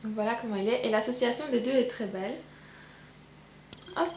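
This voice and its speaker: A woman's voice: on the high side, a little fast, echoey room, slight background noise. A woman with a Belgian French accent, chatting in a bubbly, rambling way as a beauty vlogger showing a haul, filling her talk with "donc voilà". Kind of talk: casual haul video chat.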